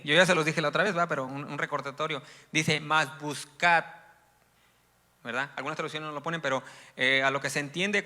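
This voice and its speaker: A man preaching a sermon in a church hall, rambling with many tag questions and then rising to loud, emphatic passages. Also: on the high side. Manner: rambling, frequent "¿verdad?" asides, rises to loud emphatic reading. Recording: long hall reverb.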